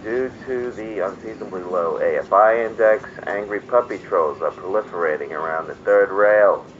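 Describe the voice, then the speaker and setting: A man doing a deadpan train conductor over the PA. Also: moderate pace, close to an everyday voice. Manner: flat, formal public-address delivery. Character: deadpan male train conductor making announcements. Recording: muffled train PA with rumble.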